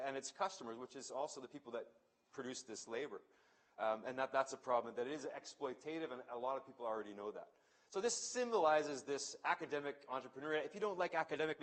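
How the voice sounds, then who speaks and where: A man's voice: mid-range voice, fairly bright tone. A man speaking at a conference event, presenting in a conversational way that thinks aloud and often restarts phrases. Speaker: conference speaker introducing a panel. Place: event venue.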